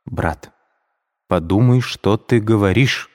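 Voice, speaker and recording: A man reading a proud young woman's lines in a soft, restrained voice. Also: low-pitched, moderate pace, big-room sound. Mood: hushed restrained. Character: young woman, proud but gentle sister.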